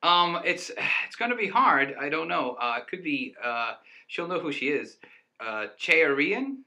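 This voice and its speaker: A man's voice: on the high side, lively intonation, normal speed, pushed and bright. A man co-hosting a casual chat, rambling and enthusiastic, often laughing. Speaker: co-host.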